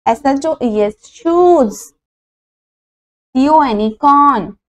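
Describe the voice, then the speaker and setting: A woman teacher leads a phonics lesson, spelling each word out letter by letter and then saying it whole. Her voice sits high and she takes it very slowly, switching between Hindi and as she explains. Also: animated. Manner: spells words letter by letter, then says them; mixes Hindi and English explanations.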